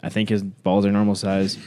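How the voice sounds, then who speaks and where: A man's voice: fairly low pitch, a little hiss or hum. A man, co-hosting a casual podcast chat, rambling and full of "like". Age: 20s. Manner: rambling, heavy use of "like", laughs easily. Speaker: podcast co-host.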